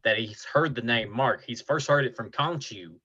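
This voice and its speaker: A man hosting a casual podcast, retelling scenes in an animated way. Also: medium pitch, normal speed, breathy edge, dull audio. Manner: animated retelling with acted quotes. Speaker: podcast host.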